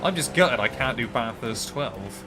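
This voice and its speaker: Male racing streamer, thick West Country English, casual banter, engine noise clearly behind. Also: mid-range voice, animated, unhurried. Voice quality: thick regional accent. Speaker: streamer and endurance sim racer. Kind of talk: casual chat while sim racing on a livestream. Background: car engine noise from racing game.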